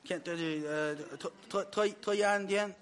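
Brief: high, bright crosstalk comic who plays dumb and stammers. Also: male voice, a little fast. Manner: plays dumb, stammers and repeats words for laughs. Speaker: crosstalk performer, comic lead. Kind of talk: stage crosstalk dialogue.

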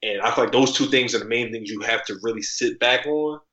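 Male podcast guest, casual and animated, bright tone, heavy slang, dull roomy audio. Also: fairly quick. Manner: animated, jumps in pitch, slangy, repeats "like". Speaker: podcast guest, article writer. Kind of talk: casual conversational storytelling.

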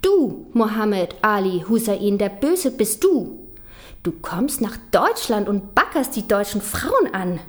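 Slow ironic Danish-accented woman poet. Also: medium pitch, very animated. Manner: rhythmic rhyming delivery with ironic, mocking emphasis; drops into whispers for secretive lines. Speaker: spoken-word poet. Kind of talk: performed slam poetry.

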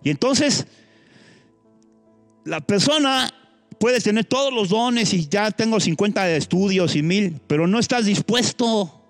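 A man preaches in a fairly high voice. His delivery is animated and jumps suddenly in pitch, with restarts and spontaneous asides. Faint music plays under the sermon. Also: measured pace, no room sound. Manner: thinks aloud with restarts and asides. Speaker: pastor.

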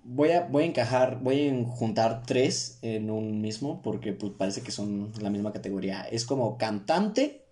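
A man's voice: lowish voice, lively intonation, a little slow, few pauses, dark tone. Young Mexican male podcast host, casual joking monologue, self-deprecating, slang-heavy. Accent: Mexican Spanish.

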